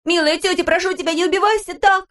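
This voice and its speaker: A woman doing a bold, high-pitched storybook girl. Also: quick pace. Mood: tearful. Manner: excited, emphatic, tearful exclamations. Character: bold, tender-hearted girl, loud and impulsive.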